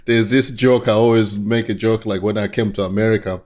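Low-pitched tanzanian guy chatting in an interview, stops and restarts, laughs easy. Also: steady tone, darkish tone. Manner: halting, restarts phrases, laughs often. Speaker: guest. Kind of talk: casual interview chat.

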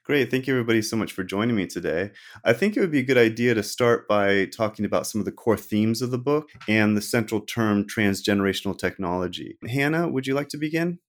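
Guy hosting a panel, lowish voice, introduces people. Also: animated, fast, hardly any pauses. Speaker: panel moderator.

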